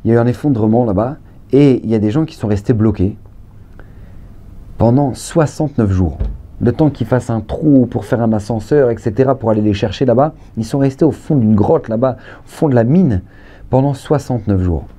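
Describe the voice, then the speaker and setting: A man, a rabbi, giving a Torah lesson as a storyteller who swings between low asides and high exclamations and repeats key phrases to his listeners. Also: a little fast, mellow. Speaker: rabbi teaching a Torah class.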